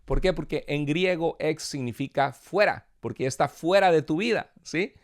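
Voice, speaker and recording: A man teaching a seminary Bible class, explaining patiently and reading out Hebrew and Greek words slowly. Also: fairly high pitch, no room sound, clean studio sound.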